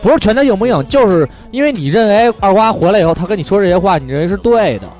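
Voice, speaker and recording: Brief: male co-host, rapid, high and lively, constantly interjecting. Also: faint music behind. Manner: quick, argumentative, keeps interjecting. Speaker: podcast co-host. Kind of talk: casual comedic chat.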